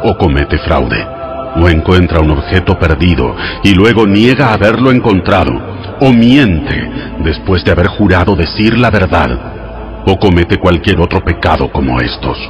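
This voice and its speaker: In a dramatized audio Bible, an actor with a low-pitched male voice portrays a solemn, commanding God laying down laws in a measured, instructive manner. Music plays in the background.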